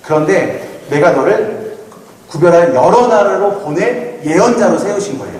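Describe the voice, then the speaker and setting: A man's voice: high voice, expressive, normal speed, darkish tone. Playful man preaching in an echoey hall. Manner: playful, asks the audience questions. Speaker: retreat speaker. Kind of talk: lively youth sermon with jokes. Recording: echoey hall, mic from far off, faint noise.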